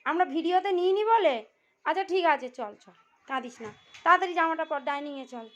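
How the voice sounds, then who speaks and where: Bright high-voiced mother giving orders. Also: brisk, lo-fi sound. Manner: bossy step-by-step instructions, coaxing. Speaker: mother filming her children. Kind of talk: casual home vlog chat. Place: family home.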